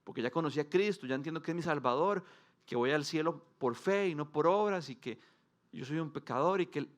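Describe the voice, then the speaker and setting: A man's voice: on the high side, brisk. A man in his thirties with a Costa Rican accent, preaching a sermon as pastor in a conversational, humorous way that swells with emphasis.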